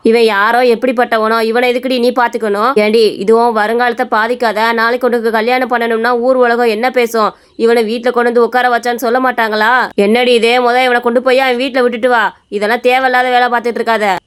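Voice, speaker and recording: A woman's voice: a little high, flat delivery, a little fast, clean tone, lightly acted. A woman voicing an angry, nagging middle-aged village mother in a cartoon story.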